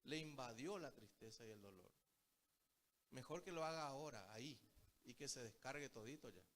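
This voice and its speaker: A man from Paraguay preaches a Bible study sermon in an expressive, slightly bright, medium-pitched voice at normal speed. He tells stories as he goes and keeps calling his listeners brothers.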